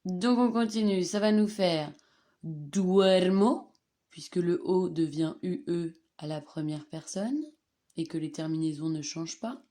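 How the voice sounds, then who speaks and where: A woman walks learners through a grammar lesson on slides. She talks slowly and patiently, repeating each conjugated form with care. Her tone is mellow and warm rather than bright. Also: lowish voice. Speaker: Spanish teacher.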